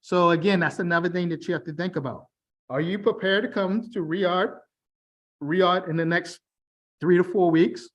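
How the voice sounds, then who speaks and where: This muffled video-call recording captures a high-voiced, middle-aged man from Baltimore, United States, presenting an online information session at a moderate pace. His General American accent carries a slight Baltimore flavor. He keeps things direct and conversational, frequently asking "okay?" or "all right?".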